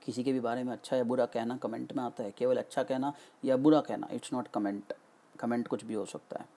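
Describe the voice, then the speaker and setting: A male English vocabulary teacher with a medium-pitched, mellow, fairly even voice gives a classroom-style lesson mixing Hindi and English. He explains step by step, asks and answers his own questions, and slows down to spell out what English words mean.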